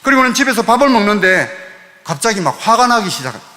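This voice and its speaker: A man's voice: sits high, fast talker, in a large hall. A man with a Gyeongsang accent, a church deacon animatedly telling his testimony and acting out the dialogue. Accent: Gyeongsang Korean. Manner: excitable, acts out quoted dialogue.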